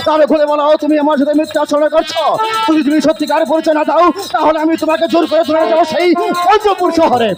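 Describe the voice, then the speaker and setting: Imperious god, hammy, high-pitched stage declaiming. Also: male voice, fairly even intonation. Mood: insistent, commanding. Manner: hammy, declamatory folk stage acting with drawn-out singsong lines. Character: Shiva, imperious wandering male god, demanding and suspicious. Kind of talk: Bengali jatra folk theatre acting. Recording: music behind the voice.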